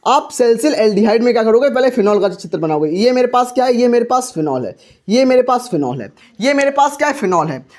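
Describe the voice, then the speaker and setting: A man's voice: very high-pitched, lively intonation, quick pace, darkish tone. A man teaching a chemistry lesson, asking questions and answering them himself, earnest and encouraging. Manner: repetitive call-and-response questioning. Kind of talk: board exam chemistry lesson.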